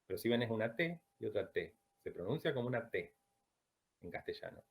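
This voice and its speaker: A man from Latin America teaching a Chinese pronunciation class, who drills sounds slowly and checks in with "¿bien?" after each point. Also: fairly low pitch, sing-song, gravelly. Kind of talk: online class lecture.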